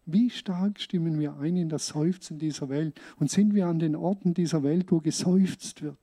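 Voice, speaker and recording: A man from Switzerland, preaching a sermon as a pastor in an earnest, conversational way with emphatic pauses. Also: fairly high pitch, dark tone.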